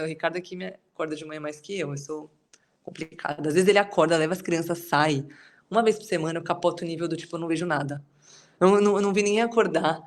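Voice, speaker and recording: A woman's voice: on the low side, a little hiss or hum. A Brazilian woman leading a Bible study group, sharing a personal testimony in a chatty, rambling way with many fillers. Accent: Brazilian Portuguese.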